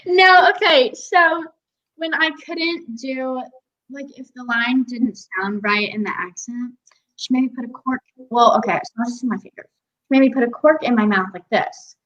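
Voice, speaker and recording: A woman's voice: fairly high pitch, normal speed, fairly bright tone, muffled recording. A teenage girl chatting as an interview guest about her voice-acting work, giggly and full of "like" fillers. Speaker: guest, young voice actress. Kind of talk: casual interview chat.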